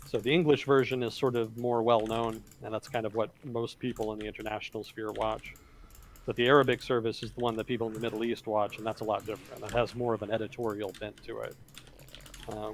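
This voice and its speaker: A man co-hosting a casual livestream, explaining world affairs in a measured way with fillers and self-corrections. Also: fairly low pitch, flat delivery, slight background noise. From United States.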